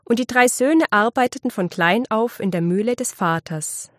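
A woman reads a fairy tale aloud in a clear, measured way, with a voice of middle pitch. The recording is dry and close, with no room sound around her. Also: fairly bright tone, no echo. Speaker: narrator. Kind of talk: storybook reading.

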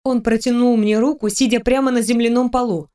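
Narrating a fantasy novel in the first person as an audiobook, a woman with a slightly high voice reads briskly, with expressive, steady storytelling that draws the listener through the scene. She delivers the heroine's lines in her own voice.

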